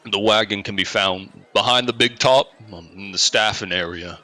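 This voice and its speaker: A man running a tabletop game as game master, narrating in an informal, halting way. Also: lowish voice, pushed and bright.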